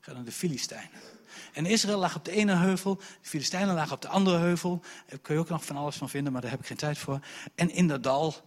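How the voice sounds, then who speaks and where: A man preaching a sermon, telling the story in a lively, colloquial way. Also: fairly high pitch, slightly rough, big-room sound. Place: church.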